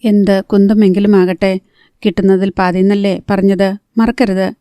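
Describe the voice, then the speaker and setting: A woman's voice: medium pitch, flat delivery, moderate pace, mellow, clean tone, dry recording, lightly acted. A woman reading the part of an irritable, sarcastic young man who craves a smoke, in a blunt, grumbling way.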